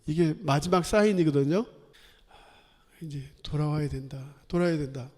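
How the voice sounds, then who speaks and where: Korean pastor guy preaching, lively, kinda high voice, long echo in the church. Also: moderate pace. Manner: animated, acts out quoted voices, laughs often. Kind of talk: sermon. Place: church sanctuary. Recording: long hall reverb.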